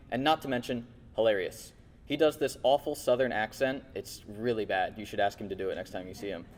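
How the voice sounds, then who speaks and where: Man, teacher, prepared award speech, earnest, light humor, reverberant hall. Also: mid-range voice.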